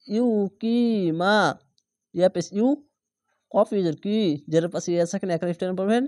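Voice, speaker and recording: Man slowly spelling out Quran words. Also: sits high, steady tone, dark tone, no room sound, studio quality. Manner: spells letters then draws out the whole word slowly. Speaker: Quran reading teacher. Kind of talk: spelling-out recitation lesson.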